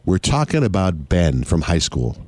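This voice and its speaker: Low-voiced radio guy, really animated, setting up a caller's dating story. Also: moderate pace, dry recording. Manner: lively, storytelling delivery. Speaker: radio show host. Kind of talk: morning radio banter.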